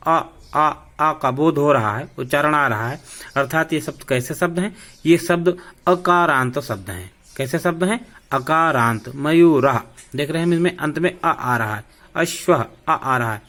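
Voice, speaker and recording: A man teaching a slow, deliberate grammar lesson for young schoolchildren, spelling out sounds. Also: on the high side, a bit bright. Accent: Hindi.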